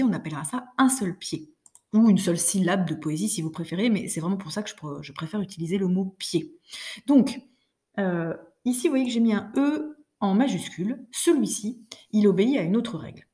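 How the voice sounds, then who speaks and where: A woman teacher explaining poetry to her class, reading lines of verse aloud slowly and patiently. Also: medium pitch, warm tone. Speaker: French teacher. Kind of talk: recorded class lesson.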